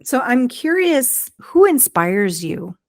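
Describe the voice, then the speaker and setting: A woman's voice: a little high, very animated, slow pace, darkish tone, dry recording, studio quality. A woman hosting a podcast, asking friendly, encouraging questions of her guest in a casual interview. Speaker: podcast host.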